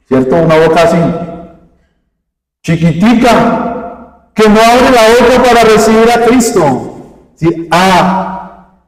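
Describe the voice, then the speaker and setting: A man's voice: on the high side, a little mellow. A man preaching a homily as a priest, constantly quizzing his congregation with rhetorical questions. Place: church. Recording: echoey church hall from far off.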